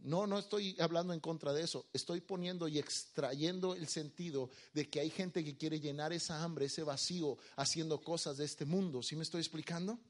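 A male preacher with a somewhat high-pitched voice delivers a live sermon with fervent conviction. He drops to near-confidential softness, then rises to ringing, emphatic calls. He pulls the congregation into call-and-response. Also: moderate pace, few pauses. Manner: swings between quiet intimate speech and loud emphatic declaration.

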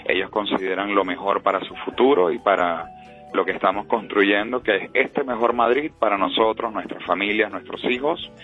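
A man born in Venezuela, a politician speaking as a radio interview guest in a measured, earnest way, heard over a phone line. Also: fairly low pitch, soft background music.

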